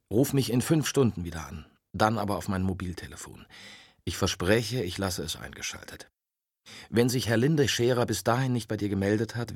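A man voicing a gruff, curt police detective who grumbles at his caller, in an audiobook. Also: sits low, no echo, clean studio sound. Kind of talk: audiobook dialogue.

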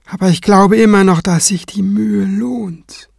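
A man voicing a calm male cleric with dry, ironic wit in an audiobook. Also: high-pitched, a little slow, creaky, no echo, voice pushed up, full character voice.

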